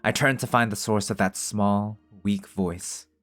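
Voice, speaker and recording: A man's voice: on the low side, fairly even intonation, measured pace, a bit bright, faint music behind. A man reading a visual novel aloud as narration and breaking off to joke and swear in casual commentary. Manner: swears freely, jokes between narrated lines.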